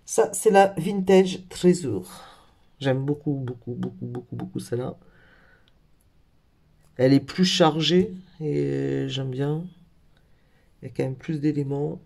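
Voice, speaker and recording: A man's voice: mid-range voice, slow pace, gravelly, long pauses, mellow. A man in a casual craft haul video, talking in a hesitant way with lots of fillers and self-corrections. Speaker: craft vlogger.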